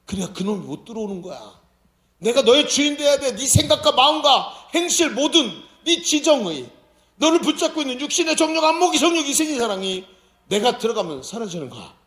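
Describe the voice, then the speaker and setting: A man's voice: extremely high pitch, very animated, a little fast, fairly bright tone, pitched above the performer's own voice, full character voice. A man preaching who voices Jesus as an urgent, commanding speaker. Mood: urging. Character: insistent loving male Jesus. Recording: roomy church hall.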